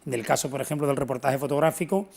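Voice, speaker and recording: A middle-aged Antequera local historian from southern Spain, interviewed unscripted on TV, delivers earnest and emphatic explanations. His mid-range voice is darkish with vocal fry, and he speaks very fast.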